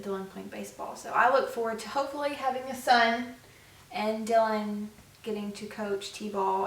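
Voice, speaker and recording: A woman's voice: mid-range voice, a bit bright. Chatty young woman in an echoey room. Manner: rambling, chatty, full of fillers. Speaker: vlog co-host. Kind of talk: casual chat. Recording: echoey room, mic at a distance.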